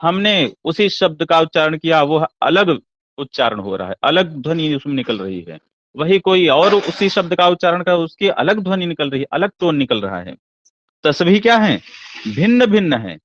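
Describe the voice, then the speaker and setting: A man's voice: on the high side, very animated, moderate pace, fairly bright tone, no echo. A man teaching classical Sanskrit poetics in a lecture, asking rhetorical questions and answering them himself. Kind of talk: explanatory lecture. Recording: dull lo-fi dry recording.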